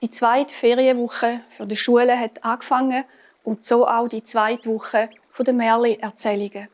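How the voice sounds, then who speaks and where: A woman with a Swiss German accent reads a fairy tale aloud. Her voice sits high and her pace is slow and gentle. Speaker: storyteller.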